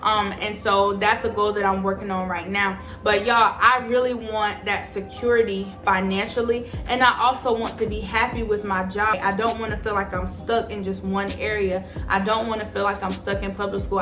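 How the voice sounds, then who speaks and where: In an echoey room, a twenties-aged woman with a mid-range voice gives her viewers chatty, emphatic advice, casually talking to camera and saying "y'all."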